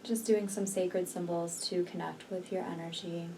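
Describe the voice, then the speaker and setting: Slow, soothing and deliberate, a meditation guide and energy healer takes listeners through a healing meditation, letting long pauses settle between her phrases. Her voice is relaxed, mellow and lowish, heard at a slight distance over faint background noise.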